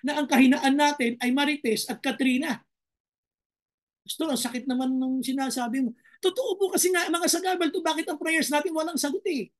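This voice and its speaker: A man with a Filipino accent preaching a sermon as pastor, reading verses slowly and then pressing listeners with rhetorical questions. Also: very high-pitched, a bit bright.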